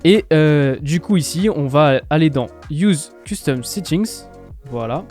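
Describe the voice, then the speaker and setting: A man from France talking casually through a step-by-step software tutorial, with lots of filler sounds. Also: on the high side, expressive, measured pace, faint music behind. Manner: chatty, many filler "euh" and "bah". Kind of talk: casual screen-recorded tutorial.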